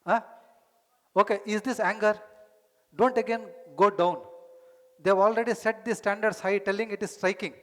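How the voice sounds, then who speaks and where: Slow-speaking lecturer. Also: male voice, high voice, fairly even intonation, fairly bright tone. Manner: questioning the audience, mixing in Tamil words. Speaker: conference lecturer. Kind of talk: teaching lecture. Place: conference hall. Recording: reverberant conference hall.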